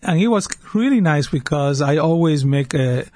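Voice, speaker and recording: A man's voice: a little high, animated, moderate pace, warm tone. A man in his fifties from Puerto Rico with a Puerto Rican Spanish accent, a guest on a radio interview, speaking earnestly and often repeating words as he restarts. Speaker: guest, diocesan worship director. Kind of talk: radio interview, personal story.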